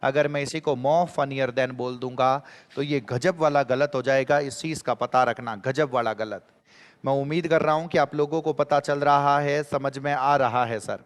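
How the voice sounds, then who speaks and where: A man teaching an exam-prep grammar lesson, animated, repeating key phrases and quizzing his students. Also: mid-range voice, a little slow, long reverb tail.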